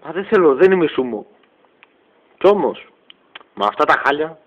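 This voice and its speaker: A man runs through a comic parody, putting on one silly character voice after another with a teasing edge. His voice sits a little high. The sound is dull and lo-fi, like a cheap home mic. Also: expressive, noisy background. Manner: switches between put-on comic voices, teasing. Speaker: parody voice actor. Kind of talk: comic parody dub, voicing many characters.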